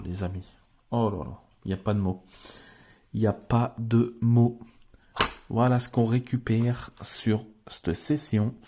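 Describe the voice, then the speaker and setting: Hosting a scratch-card video, a man with a fairly low, dark-toned voice gives casual vlog commentary. He treats his viewers like friends and calls out each letter individually as he scratches tickets.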